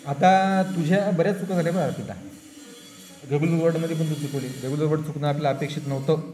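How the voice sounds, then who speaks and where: A man's voice: a little high, steady tone, very fast, mellow, roomy sound. A man with a Marathi accent, teaching English spelling and pronunciation to pupils in a classroom, patiently spelling words out letter by letter. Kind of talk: classroom reading lesson.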